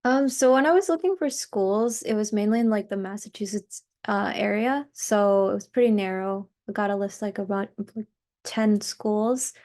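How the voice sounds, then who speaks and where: A teenage girl from New Jersey answers questions on a video call. She speaks in a relaxed, everyday way, peppering her sentences with "like.". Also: mid-range voice, moderate pace. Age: teens. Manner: relaxed, many "like"s. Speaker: student panelist. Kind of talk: casual answers.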